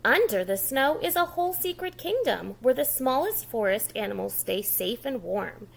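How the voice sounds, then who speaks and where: Leading a read-aloud lesson for small children, the preschool educator repeats key words as she teaches from a picture book. She speaks at a moderate pace in a fairly high, expressive, creaky voice.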